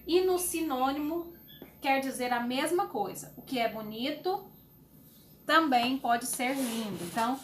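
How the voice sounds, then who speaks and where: A woman teacher explaining a homework sheet to young children, slowly and patiently, with fond little words. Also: high voice, a little hiss or hum. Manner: slow, patient, uses diminutives. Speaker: schoolteacher.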